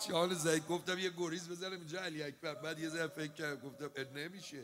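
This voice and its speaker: A man's voice: on the high side, flat delivery, a bit bright. A man who is a religious eulogist, reciting a mourning elegy and coaching others in how to recite it, with an impassioned, lamenting delivery. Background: music.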